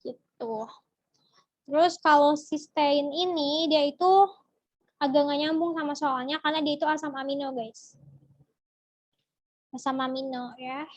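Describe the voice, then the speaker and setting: A woman's voice: high voice, steady tone, unhurried, long pauses, dry recording, poor audio. A young woman giving a casual online biology lesson, chatty and asking her viewers questions as she explains. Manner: chatty, asks the viewers questions and answers from chat. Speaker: biology tutor.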